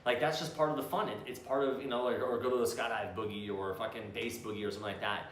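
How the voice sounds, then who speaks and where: A fast-talking man with a mid-range, steady, somewhat bright voice co-hosts a casual chat, telling stories bluntly, swearing a lot and often restarting. The room is echoey with faint background noise.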